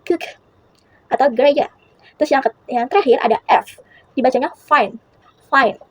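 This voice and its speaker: A teenage Indonesian girl explaining English pronunciation to classmates for a school assignment, halting with fillers and self-corrections. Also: sits high, dry recording. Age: late teens. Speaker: student presenting a school assignment.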